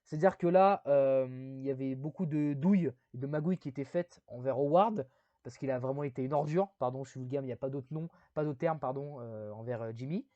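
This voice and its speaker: A man's voice: medium pitch, fairly quick, dark tone, dry recording. Man, casual video review, rambling and filler-heavy, self-deprecating, dry dull recording.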